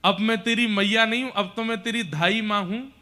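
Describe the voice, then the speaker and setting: A man's voice: high-pitched, normal speed, bright, forceful tone, pitched above the performer's own voice. A male storyteller voicing a grieving village mother who speaks brokenly to her son in a rural dialect. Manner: broken, pleading in Braj dialect. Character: grieving village mother Yashoda, loving and resigned.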